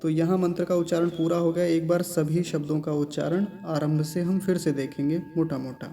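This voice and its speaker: A man with a fairly high but mellow, soft-edged voice leads a recitation lesson. He breaks words into slow, deliberate syllables, then chants each line in an even, measured flow. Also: slight background noise. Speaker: Sanskrit pronunciation teacher.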